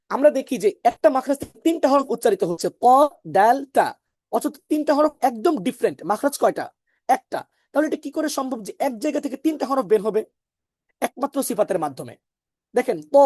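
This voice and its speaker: A woman's voice: on the high side, darkish tone, breathy edge, no echo, studio quality. A woman teaching an online class on Quran recitation, explaining patiently, repeating her points and asking the students questions.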